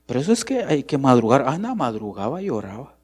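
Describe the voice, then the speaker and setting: A middle-aged Guatemalan man preaches with a voice that swings widely in pitch. His tone is emphatic and pleading. He keeps turning to his listeners as brothers. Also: very animated, fast, husky. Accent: Guatemalan Spanish. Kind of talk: sermon.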